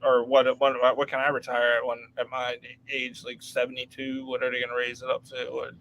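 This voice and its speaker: A man of ordinary pitch talks loosely about his travels, dropping curses and breaking into laughs. His chat is casual and unpolished, with faint noise underneath. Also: monotone, fairly quick, fairly bright tone, poor audio. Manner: loose and profane, laughs often. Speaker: travel vlogger.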